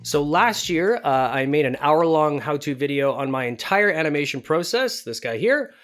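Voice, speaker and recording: Soft background music plays as a man, a video host and working voice actor, delivers a casual scripted tutorial to camera in a chatty, self-deprecating way. His voice is a little high, a bit bright, and animated, at a normal speed.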